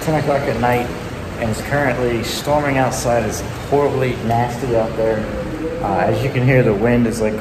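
A young man talks casually to his phone camera, vlog style, with loose, slangy phrasing. He is indoors in a hard, echoey room, with loud background noise around his voice. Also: mid-range voice. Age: young adult. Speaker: vlogger. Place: indoors in a tiled vacation apartment during a storm. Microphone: phone at arm's length.

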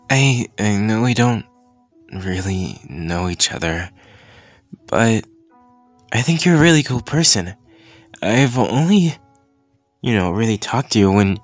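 In an anime ASMR roleplay, a man voices a shy, kind teenage boy at a hero school, speaking haltingly and apologetically with stammers. His voice is lowish and the recording is dry.

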